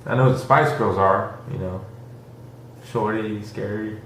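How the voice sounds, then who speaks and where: Low-voiced laid-back man in echoey room. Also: brisk, fairly bright tone. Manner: laid-back, joking, trailing sentences. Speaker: husband in couple vlog. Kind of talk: casual chat. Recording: echoey room with faint noise.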